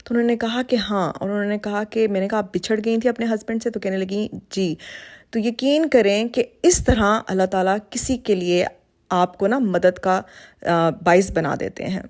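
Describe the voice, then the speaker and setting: A woman's voice: mid-range voice, darkish tone. A middle-aged woman vlogger telling a personal story to her viewers in an earnest, heartfelt way, with English words mixed in.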